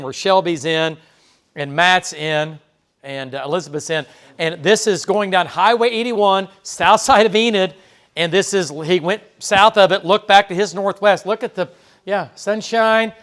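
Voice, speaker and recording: A man broadcasting live tornado coverage from a TV weather studio, his voice a touch higher than most men's. He talks through the radar in a loose, conversational way, dropping fillers and quick "okay?" checks. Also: a bit bright, smooth. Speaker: TV meteorologist.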